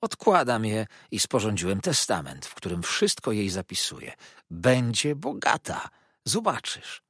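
A man doing a gentle, eccentric old gentleman. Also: lowish voice, huge pitch swings, unhurried, breathy edge, dry recording, studio quality, heavily acted. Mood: confiding. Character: gentle eccentric older man, childlike and earnest.

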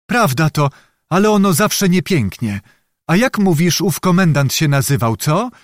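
Pious knight, read by a man: soft reproach, higher animated voice. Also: measured pace, no echo, studio quality. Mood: reproachful.

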